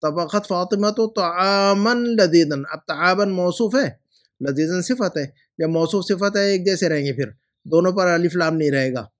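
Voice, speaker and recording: A man teaching Arabic grammar, patiently correcting students' homework, repeating rules and slowly spelling out phrases. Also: high voice. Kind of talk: correcting homework in a language lesson.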